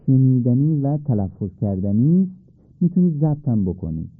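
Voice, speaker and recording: A man's voice: mid-range voice, dry recording. Patient male radio Quran teacher, tinny. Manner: polite, patient, asks and answers his own questions. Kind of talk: radio lesson. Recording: tinny phone-like radio recording.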